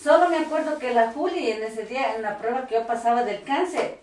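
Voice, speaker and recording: A woman's voice: on the high side, expressive, fairly quick, darkish tone. A woman in a church cell group, earnestly telling a personal story in casual discussion. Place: small home church meeting room. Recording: roomy, distant mic, faint noise.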